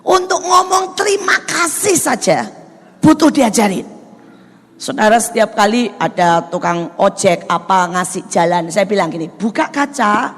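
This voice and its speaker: A woman preacher delivering a lively sermon full of stories, often turning to the listeners and mimicking the people she describes. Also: mid-range voice, unhurried, husky. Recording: long hall reverb, faint music.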